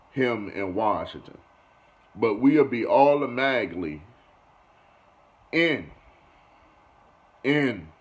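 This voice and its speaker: A young man running a casual sports commentary vlog, talking loosely and repeating himself with "you feel me" and "you know". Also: lowish voice. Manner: loose and conversational, repeats phrases, keeps saying "you feel me". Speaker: sports vlogger.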